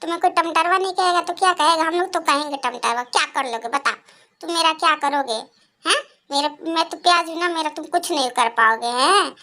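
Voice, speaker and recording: A man's voice: very high voice, fairly quick, sharp tone, full character voice. A man voicing a cocky, rude male onion who taunts the others. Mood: taunting. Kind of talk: cartoon voice acting.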